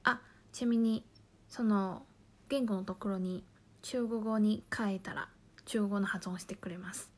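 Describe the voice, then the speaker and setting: A woman teaching a language lesson, explaining patiently and slowly, drawing out example phrases. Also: mid-range voice, steady tone, darkish tone. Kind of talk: slow, careful lesson explanation.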